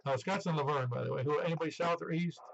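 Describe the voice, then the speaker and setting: A man's voice: a little high, fast, creaky. A man in his seventies running an amateur radio net in a chatty, rambling, easygoing way, heard over a two-way radio. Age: 70s. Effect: two-way radio transmission. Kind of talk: casual radio net check-in talk. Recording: dull band-limited ham radio audio.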